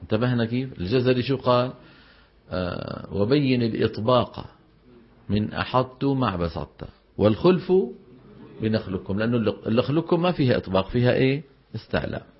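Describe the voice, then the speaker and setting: A man's voice: medium pitch, lively intonation, a little fast, husky, dull audio. A man teaching Quran recitation rules, explaining letter articulation and quizzing his students with rhetorical questions. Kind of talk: tajweed lesson with recited examples.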